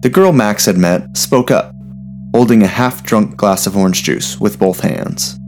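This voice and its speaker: A man narrating a story in a steady, measured reading voice. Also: lowish voice.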